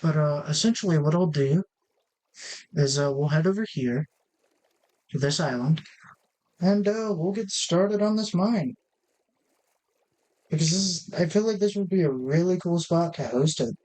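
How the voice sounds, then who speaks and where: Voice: medium pitch, unhurried, pauses often, darkish tone, rough recording. A gaming channel host giving casual gameplay commentary, rambling and correcting himself as he thinks aloud at a desk mic.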